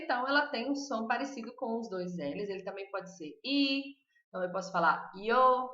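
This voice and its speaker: Brazilian woman, Spanish teacher, bright voice, chatty live class, muffled lo-fi sound. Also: fairly high pitch. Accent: Brazilian Portuguese. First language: Portuguese. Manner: chatty, repeats words slowly for students to copy. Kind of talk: live online lesson, reading chat questions. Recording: echoey room, dull lo-fi sound.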